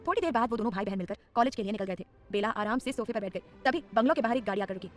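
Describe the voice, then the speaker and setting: A woman narrating an audio drama story in a rapid, dramatic way. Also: a little high, expressive, soft background music.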